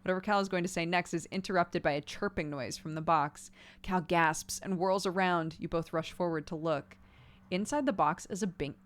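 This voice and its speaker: A woman streamer reading a story game aloud, with expressive narration and casual, conversational asides. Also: lowish voice. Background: music.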